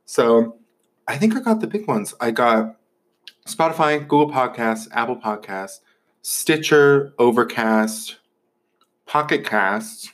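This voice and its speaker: A man's voice: mid-range voice, lively intonation, slow pace, fairly bright tone. Chatty young man hosting a podcast. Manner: chatty, lots of fillers, laughs often. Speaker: podcast host. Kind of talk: casual chat while eating.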